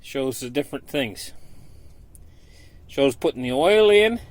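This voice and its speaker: A man's voice: mid-range voice, lively intonation, a little slow. A man giving a casual, unscripted product walkthrough from inside a small camper trailer, talking in a folksy way and often restating his points. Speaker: vlogger presenting a product unboxing.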